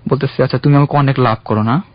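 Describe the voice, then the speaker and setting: A young man calling in to a radio show, earnestly recounting his own love story in a halting, heartfelt way. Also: mid-range voice, steady tone. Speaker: caller. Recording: dull, dry radio studio sound.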